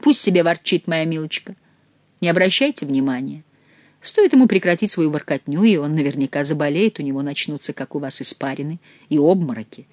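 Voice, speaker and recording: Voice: medium pitch, expressive, fairly quick, darkish tone, dry recording, natural voice. A reader voicing an amorous, gallant young king who talks tenderly and effusively to his beloved.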